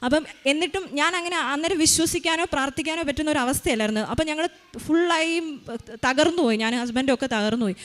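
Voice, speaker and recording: Fast-talking mother, tense retelling. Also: high-pitched, fairly bright tone. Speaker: mother giving a faith testimony. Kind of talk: emotional personal testimony.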